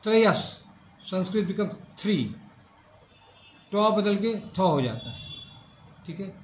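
A man's voice: high-pitched, lively intonation, slow, slight background noise. A middle-aged male professor lecturing a class, repeating each point and checking that students follow. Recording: echoey classroom with faint ambience.

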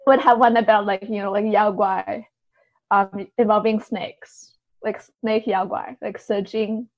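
As a podcast guest, a woman explains things casually and tentatively, hedging often and peppering her speech with "like." Her medium-pitched voice is steady and unhurried, heard on dull, slightly lo-fi audio.

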